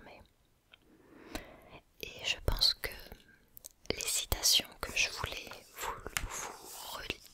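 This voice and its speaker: This ASMR video features a man speaking in a gentle whisper at a slow pace, pondering as he goes and often stopping and restarting mid-thought.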